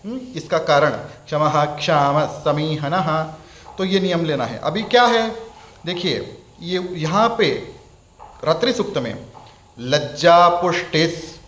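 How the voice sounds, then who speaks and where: A man with an Indian accent teaching Sanskrit recitation, chanting verses slowly and repeating each one patiently, sometimes switching into English. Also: a little high, lively intonation, fairly bright tone, echoey room, slight background noise. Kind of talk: spoken lesson with chanted verses.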